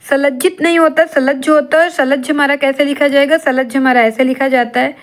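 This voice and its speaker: High-voiced woman drilling a lesson. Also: fairly quick. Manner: steady repetitive drilling, asks and answers her own questions. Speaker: teacher. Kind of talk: exam-prep grammar lesson.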